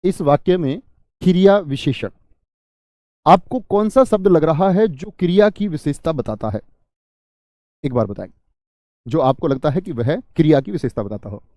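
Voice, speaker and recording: A man's voice: fairly high pitch, lively intonation, moderate pace, long pauses, darkish tone, no room sound, clean studio sound. A man teaching Hindi grammar in an online class, asking students questions, answering them himself and repeating key words.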